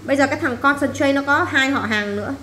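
Woman, teacher, vocabulary drill, repeats each word, slightly high voice, echoey room. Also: fast, pushed and bright. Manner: repeats each word, then explains it plainly. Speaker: English teacher. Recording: echoey room, faint background noise.

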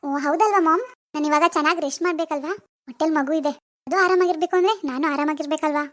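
A woman's voice: sits high, quick pace, a bit bright, voice pushed down. Woman doing a dreamy, delusional young mother-to-be. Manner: childlike, dreamy, sing-song, stubborn. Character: grieving young woman who thinks she is still pregnant. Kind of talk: animated family drama voice acting.

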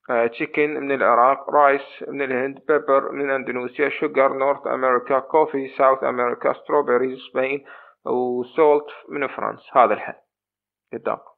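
A man with an Iraqi Arabic accent teaching a recorded English lesson, reading English slowly and explaining quickly in Arabic. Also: medium pitch, gravelly. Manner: switches between slow, drawn-out English and quick Arabic explanation. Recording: tinny phone-like audio.

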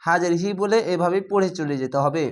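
A man teaching Quran reading, explaining each rule and then chanting the words slowly and drawn out. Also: high voice. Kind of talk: spelled-out recitation lesson.

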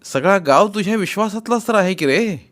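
A man's voice: sits high, expressive, brisk, a bit bright, pitched above the performer's own voice. A man voicing a wary, educated younger man who answers his friend's offers with surprise and doubt in a read-aloud novel. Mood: wary, doubtful.

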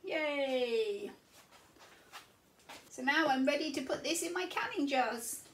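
Woman in her fifties, home kitchen vlog, high voice, unhurried chatty talk, roomy sound from a camera mic a bit away. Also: animated, fairly bright tone, distant mic, a little hiss or hum. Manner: chatty, cheerful, explains each step. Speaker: home cooking vlogger. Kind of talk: casual kitchen demonstration. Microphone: camera mic at a distance.

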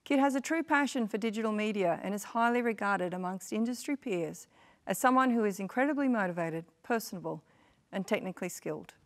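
A middle-aged woman presenting at a ceremony, reading a formal scripted introduction in a measured way. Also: medium pitch, animated. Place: studio with virtual backdrop.

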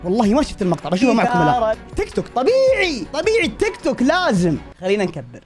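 A man's voice: very fast, loud music behind the voice. A man in his twenties with a Saudi accent, reacting to videos about himself in casual, jokey commentary. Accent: Saudi Arabic. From Saudi Arabia. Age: 20s. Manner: excitable, jokey, swings between high and low tones.

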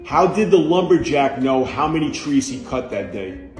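A man's voice: medium pitch, sing-song, normal speed, darkish tone, echoey room, soft background music. A middle-aged man with a New York accent, joking around as a dad in comedy skits. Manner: joking, dad-joke delivery. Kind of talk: comedic skit dialogue.

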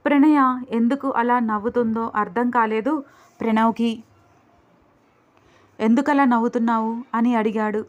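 A woman reading a romantic suspense story aloud in a steady, measured way. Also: on the high side. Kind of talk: scripted story narration. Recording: dull lo-fi recording.

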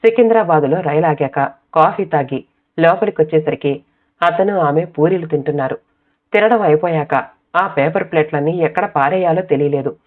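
A woman narrating an audiobook short story in a calm, measured reading voice. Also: sits low. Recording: tinny, phone-like sound.

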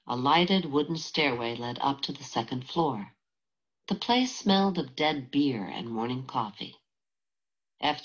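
A woman reading a novel aloud as an audiobook narrator, in a steady, measured way. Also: a bass voice, muffled recording. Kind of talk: scripted narration.

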